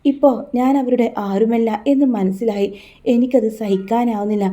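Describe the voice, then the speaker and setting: A woman's voice: fairly high pitch, normal speed, dark tone, dull audio, close to an everyday voice. A woman voicing a heartbroken young girl who laments in a hurt way.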